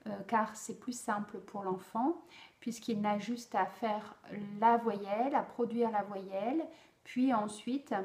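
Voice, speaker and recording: Woman, teacher, slow, deliberate, many pauses, echoey room. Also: a little high, a little mellow. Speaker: speech therapy teacher. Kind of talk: instructional explanation for parents.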